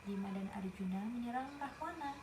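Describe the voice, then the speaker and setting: A woman reads a picture book aloud, pausing to chat with a young listener and explain the story. Her voice sits on the high side, with lively intonation and a slightly quick pace. The recording sounds roomy, with noticeable background noise.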